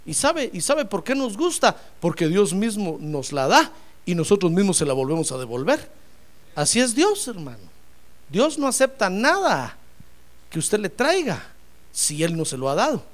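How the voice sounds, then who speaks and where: A fervent male preacher delivers a sermon in a high voice that leaps up and down in pitch. He keeps calling his listeners brother and slips into the voices of the people he quotes, so the delivery stays theatrical and lively throughout. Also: moderate pace.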